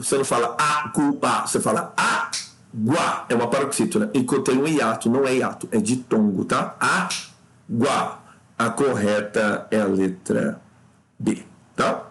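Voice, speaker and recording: Man from Brazil, exam review teacher, mid-range voice, frequent check-ins, pitch jumps for emphasis. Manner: explanatory, peppered with "tá?" check-ins and addressing the listener as "cara"; lively pitch jumps when stressing points.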